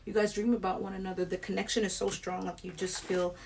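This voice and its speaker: A woman's voice: medium pitch, flat delivery, fast, gravelly, darkish tone, recorded from a distance. A young woman giving a casual tarot reading to camera, chatty, swearing lightly and laughing often. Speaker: tarot reader. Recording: air conditioner noise behind.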